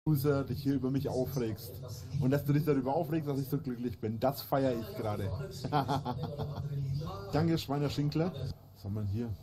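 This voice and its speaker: A man's voice: medium pitch, moderate pace, crowd noise. A man around thirty, chatting crudely and boastfully on a livestream and thanking supporters. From Middle Franconia. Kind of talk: casual livestream chat. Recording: stream clip with loud music behind.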